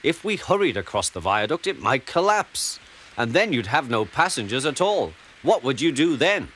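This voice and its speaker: A man's voice: mid-range voice, sing-song, normal speed, fairly bright tone, a little hiss or hum. A man voicing a haughty male mainline engine, defensive and lofty, over a storybook music bed.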